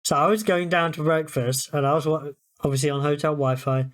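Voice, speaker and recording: A man's voice: a little high, steady tone, brisk. A British man co-hosting a podcast, chatting eagerly about football and telling stories. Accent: British English. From United Kingdom. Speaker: podcast co-host. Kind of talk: casual sports chat.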